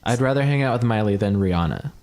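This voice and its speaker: A man's voice: fairly low pitch, animated, fast talker, a crowd in the background. A man guesting on a radio talk show as a singer, chatting casually with wry candor. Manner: wry, candid. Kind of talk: casual chat.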